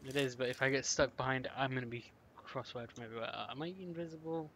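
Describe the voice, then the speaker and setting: A man's voice: medium pitch, fairly even intonation, fast talker, a bit bright. A man chatting casually while playing a game, muttering to himself as he loots. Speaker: player.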